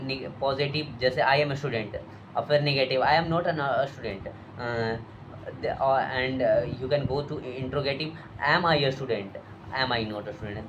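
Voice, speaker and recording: A young man, a Hindi speaker, leading a casual practice drill, halting often with fillers and restarts. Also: medium pitch, lo-fi sound, a little hiss or hum. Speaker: English practice teacher. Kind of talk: casual spoken English drill.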